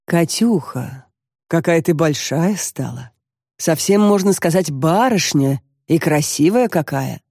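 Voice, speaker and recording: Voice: medium pitch, animated, takes it slowly, creaky, a little mellow, dry recording, clean studio sound, exaggerated voice. An audiobook narrator voicing a troubled middle-aged man, talking in a brooding, confessional way.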